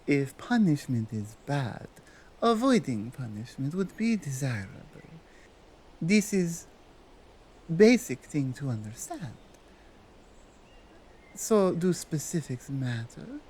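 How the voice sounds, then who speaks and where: A woman with a Nordic accent playing a dominant, stern yet coaxing Krampus in a slow, deliberate ASMR roleplay. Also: low-pitched, big pitch swings, warm tone, slight background noise, exaggerated voice. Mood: firm, measured. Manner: deliberate, commanding, halting non-native phrasing.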